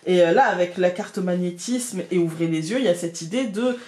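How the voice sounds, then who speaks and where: A woman's voice: fairly low pitch, a little fast, a little mellow. Woman, Picard accent, tarot reader, hesitant with fillers, echoey room. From France. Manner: hesitant, many fillers and restarts, addresses viewers directly. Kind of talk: weekly card reading guidance.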